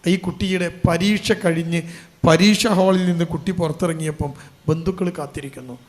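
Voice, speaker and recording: A male Islamic preacher delivers a sermon in a notably high voice. He tells his story with emotion and presses home his points with rising, emphatic questions. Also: fairly even intonation, brisk.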